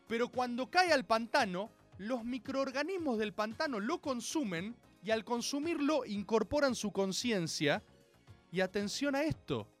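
A man with an Argentine accent giving a passionate monologue that builds to shouting, full of slang. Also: sits high. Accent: Argentine Spanish. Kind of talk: passionate comic-book monologue.

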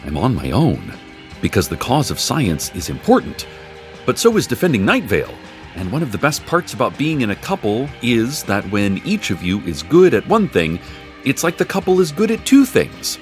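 An actor playing a wry male community radio host in a scripted radio drama, speaking in a dry, deadpan way. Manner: dry, deadpan delivery with lively swings in pitch.

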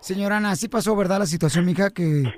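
A man hosting a radio show, telling jokes in a playful, teasing way and then talking gently with a caller. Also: high-pitched, fast, no room sound. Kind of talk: joke telling and caller interview.

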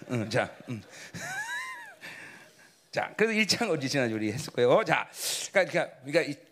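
A middle-aged man preaching a sermon as pastor. He is emphatic, keeps asking the congregation "right?", and swings between shouting and low murmurs.

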